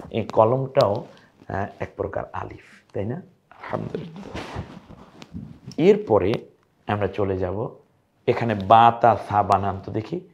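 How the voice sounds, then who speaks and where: A man's voice: lowish voice, gravelly, a little mellow. Man teaching Arabic letters on a dull recording. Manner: coaxing, repeats letter names for viewers to echo. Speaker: Quran teacher.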